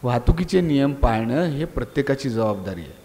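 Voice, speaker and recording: A middle-aged police inspector giving an animated speech to college students, firing rhetorical questions, scolding and urging them. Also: male voice, mid-range voice, brisk. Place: college auditorium. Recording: long hall reverb.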